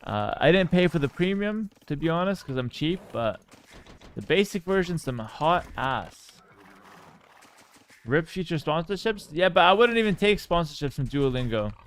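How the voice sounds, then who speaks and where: On a live gaming stream, a man from Canada talks in an animated, high-leaning voice at a moderate pace, recorded cleanly. His style is laid-back and playful, full of casual swearing, and he reads viewers' messages aloud.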